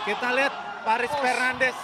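A man's voice: very high-pitched, steady tone, moderate pace. A man commentating a fight like an announcer, emphatic and repeating key phrases. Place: live fight event arena. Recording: noisy live arena, crowd behind.

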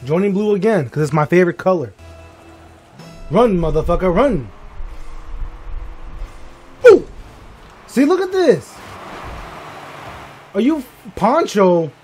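A high-voiced man reacting to a game as he plays, his pitch leaping all over as he curses and yells at teammates. He talks at an unhurried clip between the outbursts. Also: big pitch swings, husky, soft background music. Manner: profane, exasperated outbursts at teammates; short shouted reactions. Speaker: gamer. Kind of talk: live gaming commentary.

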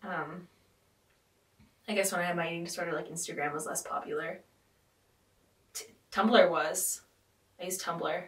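Speaking at normal speed with long pauses, a podcast host with a lowish, fairly even voice rambles through casual conversation, leaning heavily on fillers and "like." The mic sounds distant in a roomy space.

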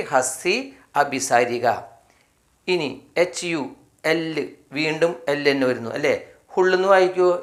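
Man, Malayali accent, slow, spells letter by letter, fairly high voice. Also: fairly bright tone. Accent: Malayali, from Kerala. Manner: slow, spells words letter by letter and repeats meanings. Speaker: English teacher. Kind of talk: spelling and pronunciation lesson.

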